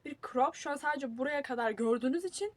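A woman's voice: high-pitched, fast talker. A young woman, rambling and teasing herself as she films a casual packing vlog. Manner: chatty, rambling, self-mocking. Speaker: vlogger.

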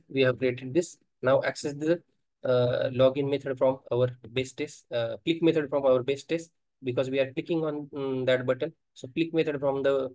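With a mid-range voice, no room sound and poor audio, a man teaches software testing through a screen-recorded coding tutorial. He thinks aloud while typing, halting and using frequent fillers.

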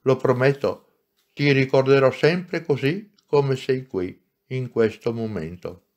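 A man's voice: mid-range voice, slow pace, darkish tone, natural voice. A man voicing an eager little soul. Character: small eager newborn soul, childlike.

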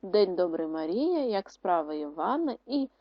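Breathy woman teacher dictating a lesson. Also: fairly low pitch, sing-song, no echo. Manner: slow, syllable-by-syllable dictation of words; clear, instructive teacher's delivery. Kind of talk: video lesson for schoolchildren. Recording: dry, muffled lo-fi recording.

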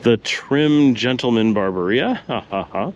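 A man narrates his stroll through city streets in a loose, chatty vlog style, calling out the shops he passes. His voice swings widely up and down in pitch. Faint traffic and street hum sit behind him outdoors. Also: animated, a little slow, lo-fi sound. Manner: chatty, pointing things out as he walks. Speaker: vlogger. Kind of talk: casual walking-tour commentary.

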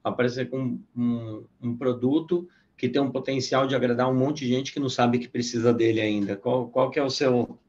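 A man's voice: medium pitch, fairly even intonation, normal speed, darkish tone. A middle-aged man asks a founder thoughtful questions from his office. The video call audio is dull and muffled, with faint background noise. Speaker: judge asking questions.

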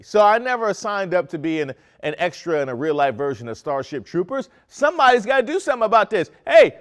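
A man in his thirties hosting a comedic news segment, with playful, wisecracking asides. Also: a little high. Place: studio set with brick backdrop.

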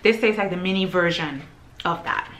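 A woman with a fairly low voice talks casually to her camera as she samples groceries, pausing to chew and describe the flavors. The chat is loose and chatty, full of fillers. A faint hiss of background noise sits under the recording. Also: fairly bright tone. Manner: chatty, tasting and describing food between bites. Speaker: vlogger reviewing groceries.

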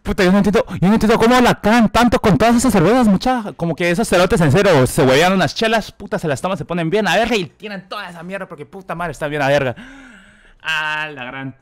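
High-voiced Korean man, crude slang. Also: fast talker, no room sound. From South Korea. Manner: crude slangy, laughs often. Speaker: reaction video host. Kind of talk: casual reaction commentary.

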